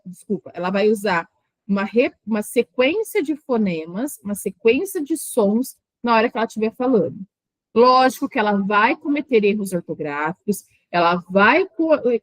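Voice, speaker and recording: Woman teacher, fairly high voice, dry close sound, patient explaining, sounds out syllables. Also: dry recording. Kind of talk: online exam-prep lecture.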